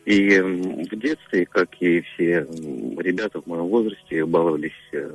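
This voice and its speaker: A man from Moscow calling a radio show, speaking haltingly as he searches for words. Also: low voice, slightly rough, faint music behind, rough recording. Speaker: caller. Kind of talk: phone-in question.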